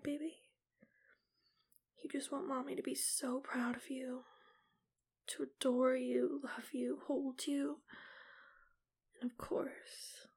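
Slow whispering woman, creaky and close. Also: high-pitched. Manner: soft breathy whisper, slow and teasing. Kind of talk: whispered ASMR roleplay. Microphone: close mic, right at the ear.

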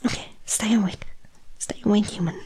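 A woman's voice: fairly low pitch, slow pace, a little mellow. A woman playing a proud but anxious snake-bodied monster woman in an audio role-play, speaking hesitantly and stammering to the listener. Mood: frightened, soothing.

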